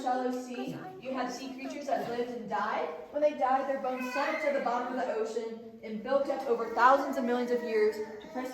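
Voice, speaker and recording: Echoing woman tour guide in a cave. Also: a little high. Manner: addresses a group, plain explanations with light asides. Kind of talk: explanatory guided tour talk to a group. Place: inside a cave, recorded from among the tour group. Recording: echoey cave, distant mic, faint noise.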